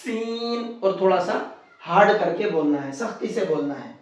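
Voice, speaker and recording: A man teaching Quran letter pronunciation step by step, patiently repeating his points and drawing out each letter to demonstrate it. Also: high-pitched. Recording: very echoey room, distant dull mic.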